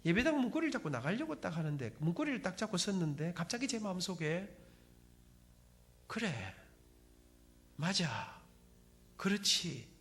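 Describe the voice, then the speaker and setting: A man's voice: high voice, fast talker, few pauses. A middle-aged man with a Gyeongsang Korean accent, giving a church testimony as dramatic storytelling to the congregation. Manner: animated dramatic storytelling, addresses audience. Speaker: speaker giving a faith testimony.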